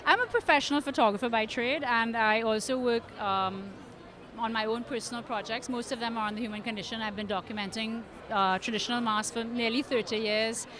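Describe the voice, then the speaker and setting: Halting Trinidadian woman, fairly high voice. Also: fairly even intonation, crowd noise. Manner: halting, many restarts and fillers. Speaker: film producer. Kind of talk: red carpet interview. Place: outdoor red carpet event.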